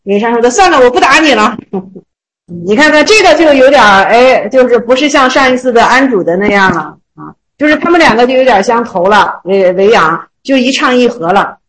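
A woman teaching Zen koans to a small group. She reads the classical lines slowly, then retells them in a chatty, joking way. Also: fairly high pitch, animated, fairly bright tone, low-quality recording. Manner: slow, measured reading of classical text, then chatty colloquial retelling; laughs and jokes with listeners.

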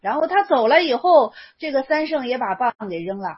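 A woman's voice: high voice, very animated, fairly quick, breathy edge. A woman giving a Buddhist dharma talk, explaining a Chan text in casual speech and often repeating and restarting phrases. The recording sounds dull and lo-fi.

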